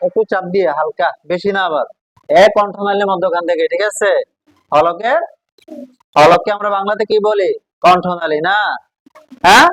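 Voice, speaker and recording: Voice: medium pitch, normal speed, long pauses, a bit bright, no echo, low-quality recording. A Quran teacher, patiently drilling a class on letter sounds and asking them questions. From Bangladesh. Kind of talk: classroom call-and-response drill.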